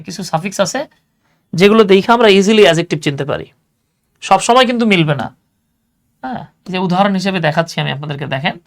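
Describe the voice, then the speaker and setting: Here a man teaches English grammar casually, explaining each step, restating the main points and throwing out rhetorical questions. His voice is high and a bit bright, and he slows down to spell words as he writes them.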